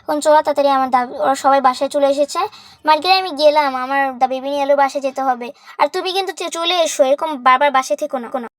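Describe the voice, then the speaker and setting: A woman's voice: high voice, a little hiss or hum. A woman vlogger narrating a doll role-play and chatting to her viewers. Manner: fast, chatty, addresses viewers as guys.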